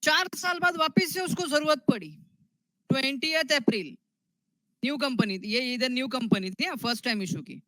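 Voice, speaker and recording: A man's voice: very high voice, moderate pace, bright, forceful tone, no room sound, rough recording. Man teaching a commerce lesson. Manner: repeats key terms, asks and answers students' questions himself. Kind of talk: classroom lecture.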